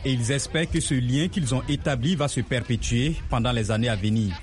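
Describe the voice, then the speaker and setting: A man narrating a scripted radio news report in a steady, formal way. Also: mid-range voice, fairly quick, over loud music.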